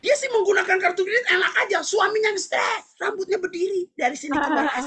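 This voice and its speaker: Seorang pendeta pria menyampaikan khotbah dengan penuh semangat, sering berseru dan tertawa di sela poin. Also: male voice, very high voice, fast. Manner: animated, shouting and laughing between points. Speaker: pastor. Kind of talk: sermon.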